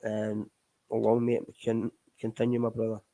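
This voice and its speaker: A man's voice: on the low side, monotone, moderate pace, dark tone, low-quality recording. A middle-aged Scottish man hosting a recovery chat, talking candidly and rambling, calling his listeners folks. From Scotland. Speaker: recovery podcast host. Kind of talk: casual live chat.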